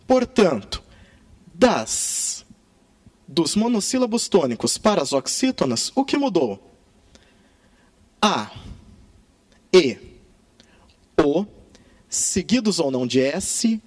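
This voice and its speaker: A man teaching a grammar lesson in Brazilian Portuguese, with emphatic, drawn-out key words. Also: sits high, big pitch swings, a little mellow, dry recording.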